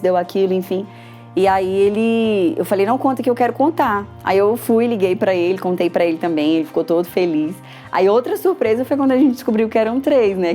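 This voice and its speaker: A woman's voice: mid-range voice, dark tone. A young woman with a Brazilian Portuguese accent gives a personal testimonial, retelling events emotionally with quoted dialogue. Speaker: patient giving a testimonial.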